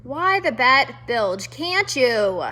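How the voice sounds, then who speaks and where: Cranky old porcupine, read by a woman: loud, insulting, slightly husky. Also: high voice, very animated, very slow, soft background music, heavily acted. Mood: scornful. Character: grumpy old male porcupine, gruff loner. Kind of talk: storybook read-aloud.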